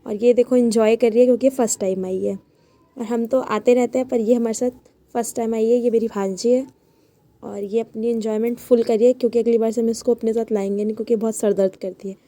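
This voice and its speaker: A young woman talks through a family road trip in a chatty vlog voice that is a little high and mellow. She keeps coming back to the same easy phrases, narrating stop after stop for her viewers. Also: fairly even intonation, fast. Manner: chatty, repeats phrases like "so finally". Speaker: vlogger. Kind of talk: casual travel vlog narration.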